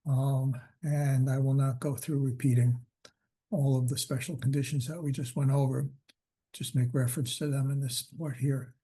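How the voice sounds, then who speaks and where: Soft-voiced man chairing a meeting. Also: mid-range voice, flat delivery, slightly rough. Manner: halting, with many fillers. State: losing his voice. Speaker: commission chair.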